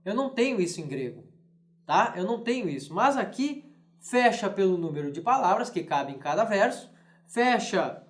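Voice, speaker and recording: Man, Brazilian accent, high-pitched, classics lesson, explanatory, reads verses rhythmically. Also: big pitch swings, normal speed. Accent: Brazilian Portuguese. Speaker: classics teacher. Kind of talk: online lesson.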